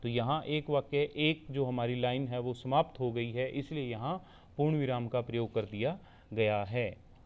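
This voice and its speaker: A man giving a steady explanatory online lecture as a teacher-training instructor, repeating points so students can take notes. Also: medium pitch, smooth. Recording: tinny phone-like recording.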